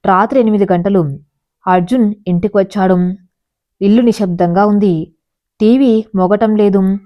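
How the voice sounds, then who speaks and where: A woman narrating a scripted audio story in a slow, measured, emotional way. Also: medium pitch, fairly even intonation. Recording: dull lo-fi recording.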